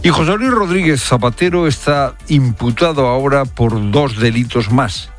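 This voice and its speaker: Low-voiced Spanish man presenting radio news. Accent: Spain. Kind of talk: morning radio news commentary.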